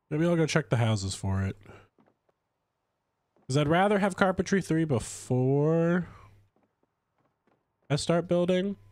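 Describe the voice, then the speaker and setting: A man chatting casually while streaming a game, stuffy from a cold, rambling with lively swings in pitch. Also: no room sound. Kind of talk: casual gameplay commentary.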